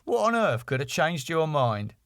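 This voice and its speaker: A man voices a cheeky, teasing, sarcastic male sidekick from a sitcom script, pitching himself above his own natural voice. The delivery is fairly high and fairly bright, with big pitch swings at a moderate pace, in clean studio sound with no room sound.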